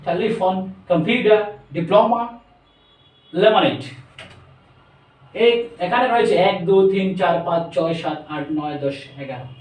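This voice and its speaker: A man with a Bangladeshi accent teaching a spoken English lesson, slowly stretching out words and mixing English into his explanations. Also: sits high. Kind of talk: classroom lesson. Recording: echoey room, voice from a distance.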